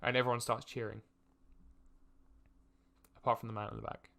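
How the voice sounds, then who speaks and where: A man's voice: medium pitch, level tone, normal speed, vocal fry, pushed and bright. A young man narrating as game master in a tabletop game, hesitant with many fillers and restarts. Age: young adult.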